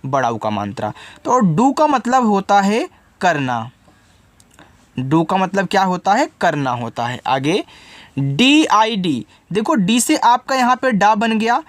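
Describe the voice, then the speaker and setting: A man's voice: high voice, very animated, slow, no echo. A man with a Hindi accent teaching English word by word, patient and repetitive, often asking a question and then answering it himself. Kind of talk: spoken lesson explaining word by word.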